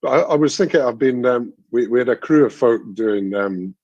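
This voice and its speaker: A man chatting on a charity livestream, halting and full of dry self-deprecating humour. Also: medium pitch, a little mellow, no room sound, lo-fi sound. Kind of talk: casual video-call chat.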